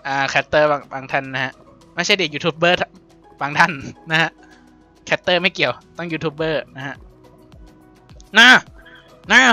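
A young man playing and commenting on a video game in a casual, playful way, laughing often and yelping when excited. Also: fairly high pitch, normal speed, pauses often, faint music behind. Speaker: gaming YouTuber.

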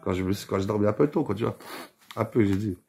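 Gravelly, husky young man, tired and slangy. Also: on the low side, fast talker, mellow, soft background music. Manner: slangy and profane, laughing often. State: tired and drowsy. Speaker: vlogger. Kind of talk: casual rambling chat to a friend.

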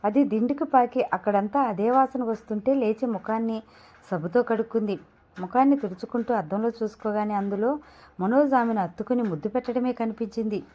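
Brief: female audio-novel narrator, measured and steady, high-ish voice, muffled lo-fi recording. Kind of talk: scripted story narration. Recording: dull lo-fi recording.

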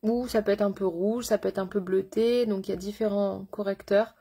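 A woman makeup artist talks through a live makeup tutorial in a slightly husky, breathy voice at a middle pitch. She is chatty and slangy, full of enthusiasm, and calls her viewers by pet names. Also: fairly even intonation, brisk, mellow.

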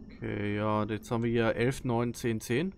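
A man's voice: medium pitch, steady tone, normal speed, creaky, a little mellow, slight background noise. A man giving casual gameplay commentary into a headset, sometimes reading on-screen text aloud. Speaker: let's player. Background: faint game music.

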